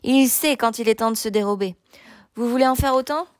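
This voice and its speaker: A woman voicing an arrogant, mocking giant knight-king in an audiobook reading, with a slow, boastful, taunting delivery. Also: fairly high pitch, no echo, studio quality, close to an everyday voice.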